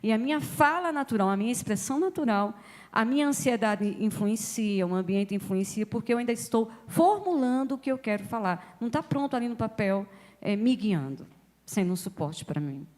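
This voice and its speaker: A woman's voice: a little high, expressive, brisk, darkish tone, long reverb tail. A woman speech therapist explaining patiently, giving examples to an audience. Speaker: speech therapist guest speaker. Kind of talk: explanatory talk.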